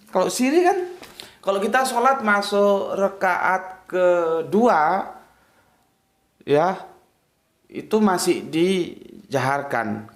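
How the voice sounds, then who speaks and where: Man teaching in an echoey room. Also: on the high side. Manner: casual, talks straight to listeners, often checks they follow. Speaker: religious teacher. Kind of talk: informal religious lecture.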